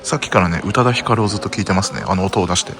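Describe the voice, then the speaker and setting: A man's voice: sits low, very fast, a crowd in the background. A Japanese man from Japan, chatting casually to the camera as a travel vlogger and often exclaiming to himself. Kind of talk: casual travel vlog narration. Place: hotel and hot spring resort, indoors and outdoors.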